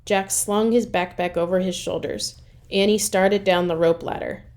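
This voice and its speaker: Narrating a children's chapter book aloud, this female storyteller keeps a mid-pitched voice, reads expressively and leans on dramatic pauses.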